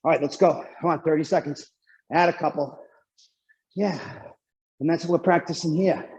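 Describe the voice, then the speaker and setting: A man's voice: on the high side, moderate pace, darkish tone. A man instructing a spin class while cycling hard himself, out of breath and calling out motivational cues. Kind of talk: motivational indoor cycling coaching. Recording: dull, muffled lo-fi class recording.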